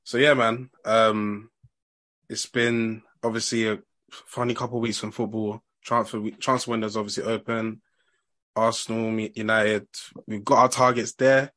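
A man's voice: on the low side, level tone, moderate pace, fairly bright tone. A man with a London roadman accent and slangy delivery, hosting a casual football chat in a laid-back way. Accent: London, multicultural roadman slang. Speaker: podcast host.

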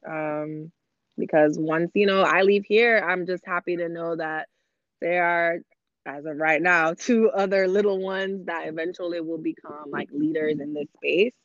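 A woman's voice: lowish voice, steady tone, unhurried, no room sound, lo-fi sound. A woman in her thirties, a podcast guest, telling her story openly in casual chat. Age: 30s. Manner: candid, open storytelling.

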